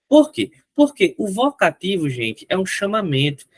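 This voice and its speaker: Lively Brazilian male teacher. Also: sits high, moderate pace, breathy edge, dry recording. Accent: Brazilian Portuguese. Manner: animated, asks questions and answers them himself. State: strained throat. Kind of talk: online grammar lesson.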